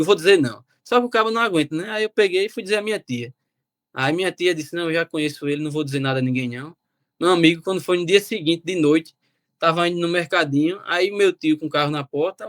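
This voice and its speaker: A young man, telling his story as a guest in a casual, animated way. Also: fairly high pitch, dry recording, clean studio sound. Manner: animated, quotes himself and relatives. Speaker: interview guest.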